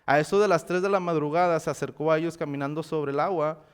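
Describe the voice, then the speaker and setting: A man's voice: fairly high pitch, fast, clear, resonant tone. A man preaching a sermon in a church, reading scripture dramatically and asking the congregation rhetorical questions. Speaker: pastor. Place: church sanctuary.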